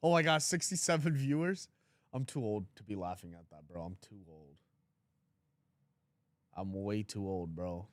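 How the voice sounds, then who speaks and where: A man's voice: on the low side, moderate pace, long pauses, no room sound. A man in his twenties hosting a trading livestream, talking casually and bluntly, teasing his chat and reading comments aloud. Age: 20s.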